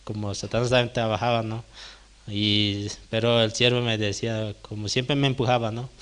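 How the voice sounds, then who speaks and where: A man's voice: fairly low pitch, level tone, normal speed, fairly bright tone, smooth. A young man giving a personal testimony at a prayer service, hesitant and tagging nearly every phrase with a question. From Bolivia. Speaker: church member giving testimony.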